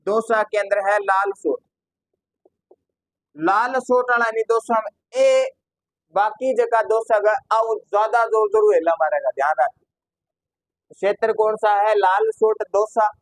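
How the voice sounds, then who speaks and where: A man's voice: high voice, no echo, poor audio. A man with a Rajasthani accent teaching an exam-prep class, who keeps asking his students questions and answering them himself, slipping into local dialect phrases. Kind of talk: classroom lecture.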